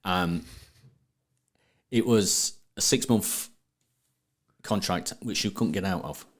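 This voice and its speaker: Male podcast guest, deep voice, Sheffield accent, chatty and emphatic, informal northern phrasing. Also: takes it slowly. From Sheffield, England. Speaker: podcast guest, trade business marketing speaker. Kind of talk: casual interview talk.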